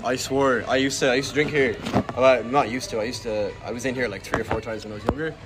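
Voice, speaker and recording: A man's voice: medium pitch, steady tone, fast talker, music in the background. A man of twenty-two with a west of Ireland accent, chatting casually and loosely, with "like" sprinkled through his sentences. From Galway, Ireland. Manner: rambling, heavy use of "like". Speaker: bartender interviewed as guest. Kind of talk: casual chat. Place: in a bar.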